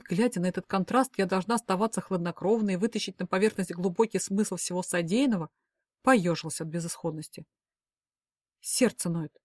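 A woman's voice: medium pitch, a little mellow. A woman narrating a first-person romance novel as an audiobook, with emotive, dramatic delivery. Her voice is recorded close and dry, with no room echo.

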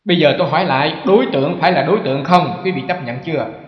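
A monk from Vietnam preaches in a fairly high voice, chatty and questioning, with everyday jokes. His words ring through a large hall with a long reverb. The recording is dull and muffled. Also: rapid-fire. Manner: conversational, asks listeners rhetorical questions, homely humorous examples. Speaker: Buddhist monk giving a dharma talk. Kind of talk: sermon.

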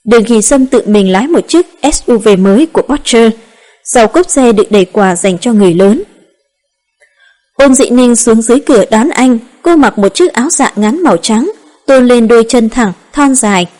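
A woman narrating a romance novel in a calm, steady reading voice. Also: a little high, moderate pace. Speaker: audiobook narrator.

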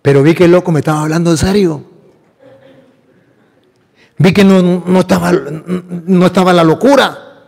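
Animated priest in a ringing hall. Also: male voice, high-pitched, normal speed, gravelly, pauses often. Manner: animated, acts out the dialogue. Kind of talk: storytelling sermon. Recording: long hall reverb.

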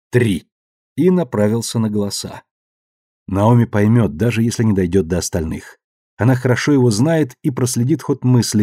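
A man narrating an audiobook in a measured, steady way. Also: mid-range voice, dry recording, clean studio sound.

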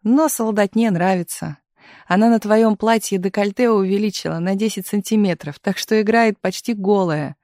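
A reader voicing a tearful, excitable young actress Taisia, speaking in high, breathless exclamations in a dry studio recording. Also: moderate pace, no echo, lightly acted. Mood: rueful.

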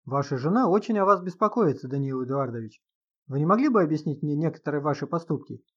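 A man voicing a calm, polite psychotherapist who asks probing questions in an audiobook reading. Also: on the high side, fast talker, lo-fi sound.

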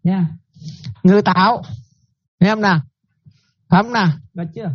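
A woman's voice: mid-range voice, fairly even intonation, brisk, lo-fi sound. A Buddhist nun giving a dharma talk, often checking that her listeners follow and repeating her points.

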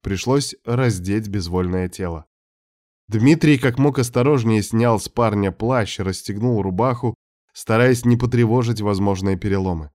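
Man narrating with a low, dry voice. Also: moderate pace, a little mellow, dry recording. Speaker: audiobook narrator. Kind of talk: scripted narration.

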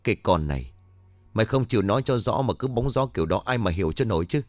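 A man voicing a gruff, impatient older village man who scolds bluntly. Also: on the low side, animated, fast talker, no echo, lightly acted. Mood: scolding.

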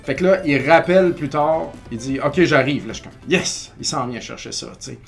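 A man with a Québécois French accent, hosting a podcast and telling a story in a casual, animated way, acting out what people said. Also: medium pitch, fairly quick, creaky, faint music behind. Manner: animated, acts out quoted voices. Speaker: podcast host.

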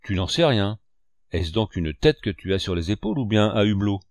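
A sly, one-legged innkeeper full of bluster and showy outrage, as a male audiobook reader puts him on. He speaks in a fairly low voice with a bluff, hearty manner that hides his scheming. The sound is dry and close, as in a storybook reading. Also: lively intonation, normal speed, darkish tone, no room sound. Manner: bluff, blustering, theatrical indignation.

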